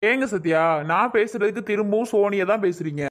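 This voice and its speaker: A woman's voice: mid-range voice, a little fast, lightly acted. A woman voicing a protective young husband in a cartoon, talking firmly and warning. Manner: firm, warning. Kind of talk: cartoon voice acting.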